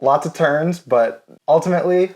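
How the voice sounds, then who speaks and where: A man's voice: a little high, normal speed, a little mellow. A man co-hosting a podcast in casual chat, loose and joking, with lots of filler words. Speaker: podcast co-host.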